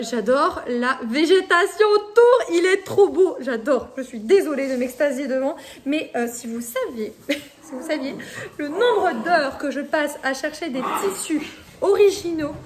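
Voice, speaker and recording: A woman chatting casually to camera as she unboxes her shop parcels, gushing and laughing often, a little tired. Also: high voice. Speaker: vlogger and shop owner.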